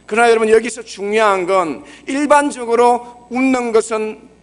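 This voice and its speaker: A young male pastor with a Busan Gyeongsang accent, preaching gently and conversationally, often putting questions to the congregation. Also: very high-pitched, normal speed. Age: young adult. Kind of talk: sermon.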